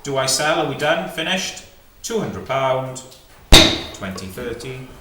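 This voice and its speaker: A fine art auctioneer works the room at a measured pace, his medium-pitched voice swinging widely in pitch. He calls lots and bids live in clipped, repeated figures and brief prompting questions, chanting bids rapidly and describing lots. The distant mic picks up faint noise in the echoey indoor saleroom.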